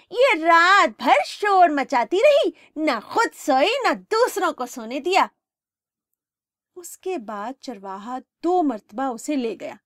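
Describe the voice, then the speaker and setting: Reading a story aloud for children, a high-voiced woman narrates with a storyteller's expressiveness. Her voice is captured up close in a dry recording with very little room ambience.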